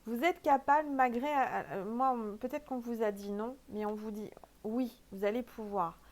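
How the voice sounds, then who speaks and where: A French-accented woman gives a casual spiritual card reading to her viewers. She talks in a chatty, emphatic way, full of fillers, and her voice sits a little high. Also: moderate pace. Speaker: oracle card reader.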